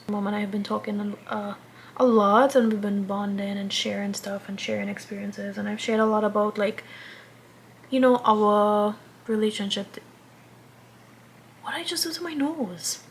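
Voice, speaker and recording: A vlogger in her twenties speaks with a medium-pitched, steady voice at a measured pace while doing her makeup, over a little hiss or hum. Her casual chat rambles, she interrupts herself, and she sometimes whispers.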